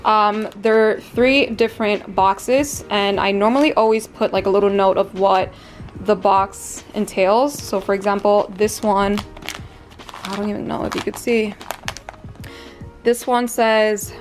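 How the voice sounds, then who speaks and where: A young woman vlogging casually from a friend's apartment in a relaxed, chatty way. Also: medium pitch, measured pace. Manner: chatty, relaxed, drifting into Spanish with her friend. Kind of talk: casual vlog chat. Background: background music.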